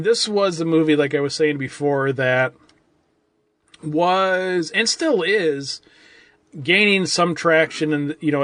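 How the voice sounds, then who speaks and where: A man's voice: fairly high pitch, fairly bright tone, dry recording. A man co-hosting a casual movie-review podcast, rambling and loose, with lots of "like" and "I mean". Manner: rambling, full of "like" and "I mean", restarts a lot. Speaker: podcast co-host.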